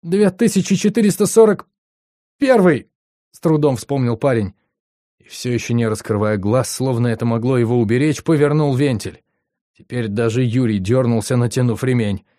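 A man's voice: medium pitch, steady tone, normal speed, dark tone, no room sound. Man narrating an audiobook, dry and close. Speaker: audiobook reader.

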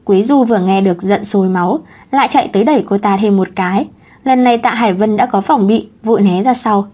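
A woman narrating a romance novel as an audiobook host, in a steady, even reading. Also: medium pitch, fast. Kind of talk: scripted story narration.

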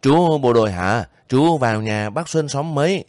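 A man's voice: medium pitch, expressive, moderate pace, darkish tone, dry recording, studio quality, pitched above the performer's own voice, natural voice. Man putting on older village woman, fussing, sobbing, raised voice, storybook reading. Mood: curious. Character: kindly older village woman, tearful aunt.

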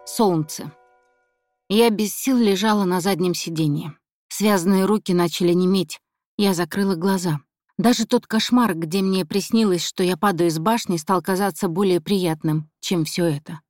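A woman narrating a first-person thriller audiobook in a calm, measured way. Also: on the low side, dry recording, clean studio sound, soft background music.

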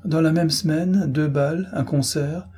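A man reading a storybook, voicing a vain, languid young rich woman in an affected, weary, condescending manner with a husky voice. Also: fairly high pitch, steady tone, measured pace, warm tone, voice pushed up.

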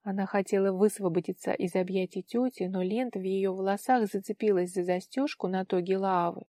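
A woman narrating an audiobook with an expressive, steady reading. Her voice sits in a middle register. The sound is dry and close. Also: medium pitch, a little fast, dry recording. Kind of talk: scripted narration.

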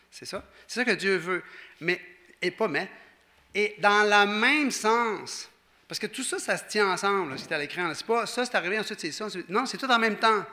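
A man with a Quebec French accent preaching a conversational, animated sermon and acting out the people he quotes. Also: sits high. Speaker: pastor.

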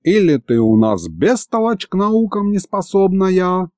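A man's voice: high-pitched, sing-song, measured pace, warm tone, no echo, studio quality, pitched above the performer's own voice. A man voicing an old grandfather mentor who talks in folksy rustic speech. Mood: folksy scolding.

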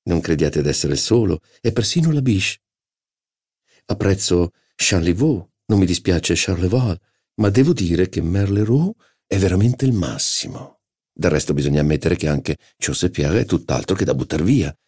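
A man's voice: deep voice, expressive, normal speed, darkish tone, husky, exaggerated voice. A man reading an audiobook, voicing a haughty, insolent aristocratic duchess with a drawling, incredulous, mocking manner. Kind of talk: audiobook character voice.

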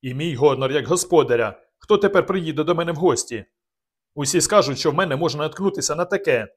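Man voicing a blunt older squire, booming, hot-tempered, mid-pitched, audiobook. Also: a little fast, lightly acted. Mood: aggrieved. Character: older country squire host, hot-tempered but caring.

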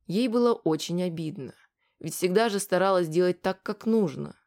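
A woman narrating an audiobook in an even, storytelling manner. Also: fairly low pitch, normal speed. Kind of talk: scripted narration.

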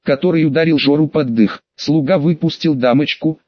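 A man reading a first-person fantasy audiobook in a steady storytelling manner. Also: on the high side, normal speed, no room sound, dull audio. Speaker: audiobook narrator.

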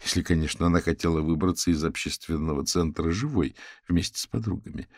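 Deep gravelly male audiobook narrator. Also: quick pace, dry recording, clean studio sound.

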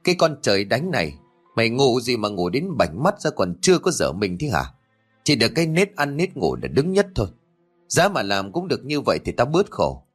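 A man voicing a harsh, nagging old grandmother who scolds rapidly, in an audio story. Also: medium pitch, wildly swooping pitch, slightly rough, soft background music. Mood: scolding.

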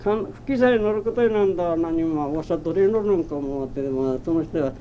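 An elderly man from Japan telling his life story as an oral history interviewee, in a rambling, halting way with old-fashioned rustic speech. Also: a little high. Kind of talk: reminiscing in a personal narrative. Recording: muffled, dull old tape with faint hiss. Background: faint background noise.

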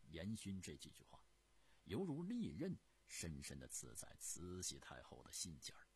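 A man telling a historical story in traditional Chinese storytelling style, with dramatic, expressive delivery. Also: low voice, normal speed, husky.

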